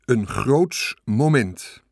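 A man reads a children's book aloud in a calm, measured way. His voice sits at a middle pitch. The recording is dry and close to the mic. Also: vocal fry, husky, no room sound. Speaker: audiobook narrator. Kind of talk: scripted narration.

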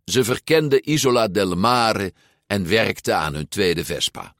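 A man reading a storybook aloud as narrator, expressive and unhurried. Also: on the low side, no room sound, clean studio sound.

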